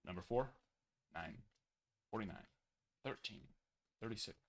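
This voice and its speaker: Somewhat low and a little slow, the voice belongs to a relaxed young man running a live card break. He lists numbers steadily in a casual tone, though his voice is fading and getting worn.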